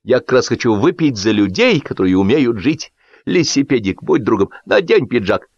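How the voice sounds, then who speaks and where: A man voicing a pushy middle-aged party host who gives loud, drawn-out toasts. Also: mid-range voice, very animated, no room sound, dull audio, pitched above the performer's own voice. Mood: toasting.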